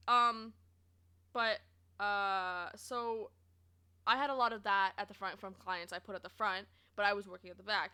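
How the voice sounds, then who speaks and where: Young woman streamer rambling through a work story, lots of "like", bright voice, swings up and down a lot. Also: medium pitch. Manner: chatty, animated, laughs often, lots of "like". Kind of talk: casual storytelling chat.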